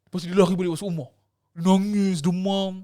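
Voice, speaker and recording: Quick, high-voiced man telling ghost stories. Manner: animated storyteller, acts out voices, mixes in English words. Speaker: podcast co-host. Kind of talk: casual chat, ghost storytelling.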